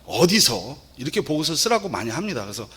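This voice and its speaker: Soft-spoken hesitant lay preacher man. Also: a little high, sing-song, fast, breathy edge. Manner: soft, hesitant, with many fillers. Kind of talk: sermon.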